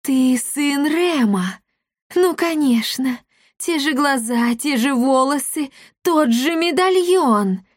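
A woman's voice: high-pitched, animated, takes it slowly, no room sound, clean studio sound, voice pushed up. Woman doing a gloating, hissing sorceress. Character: furious scheming sorceress woman.

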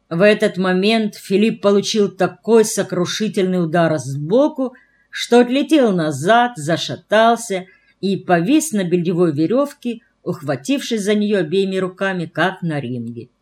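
A woman's voice: medium pitch, expressive, moderate pace, a little mellow. Woman narrating an audiobook. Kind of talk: scripted narration of a novel.

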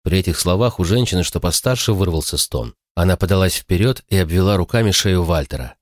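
A man narrating an audiobook in an expressive storytelling manner. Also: sits low, fairly quick, no echo, studio quality. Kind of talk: scripted narration.

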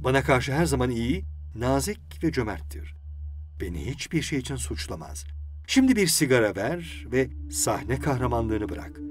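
A man voicing a tense, bitter young wife who talks in a sharp, irritable and anxious way, with music playing behind. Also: mid-range voice, big pitch swings, normal speed, natural voice.

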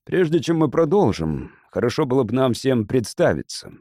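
A man's voice: medium pitch, very animated, warm tone, dry recording, clean studio sound, close to an everyday voice. A man playing a determined English politician. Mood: persuasive. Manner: measured, persuasive speechmaking.

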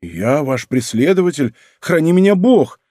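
A man's voice: fairly high pitch, big pitch swings, normal speed, warm tone, dry recording, clean studio sound. A man playing a coaxing young king. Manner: soothing, earnest. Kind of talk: audiobook character reading.

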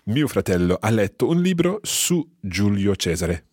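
Low husky male tutor voice. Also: sing-song, moderate pace, darkish tone, no echo. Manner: encouraging, coaxes student. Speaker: Italian teacher hosting lesson. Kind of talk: language lesson.

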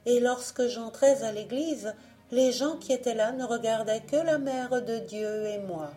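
A woman's voice: fairly high pitch, measured pace, warm tone, soft background music, pitched above the performer's own voice, lightly acted. A woman voicing a proud young woman from a storybook who boasts and scorns her suitors. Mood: dreamy boast. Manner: haughty, boastful.

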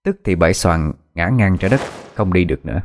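A man narrating a scripted horror story in a steady, measured way. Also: low-pitched, slight background noise. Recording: faint background music.

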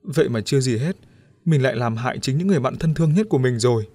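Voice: mid-range voice, quick pace, a little mellow, no room sound, natural voice. A man voicing a remorseful, earnest young friend in an audiobook story, urging the others insistently.

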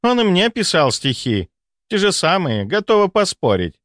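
A snide baroness scoffs in a raised, sneering falsetto, as a male audiobook narrator puts her on. Her pitch rises and falls freely, recorded dry and close. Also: sing-song, moderate pace, a bit bright, no room sound. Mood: mocking. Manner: scornful, sneering. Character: mocking snide baroness, woman. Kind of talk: audiobook character voice.

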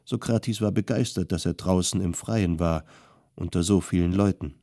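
Low dark-voiced male narrator. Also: no echo, clean studio sound. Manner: calm, measured storytelling. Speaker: audiobook narrator. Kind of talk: scripted narration.

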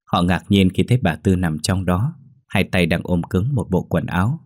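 A man narrating a ghost story in a measured, dramatic reading. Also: low-pitched, lively intonation, a little mellow.

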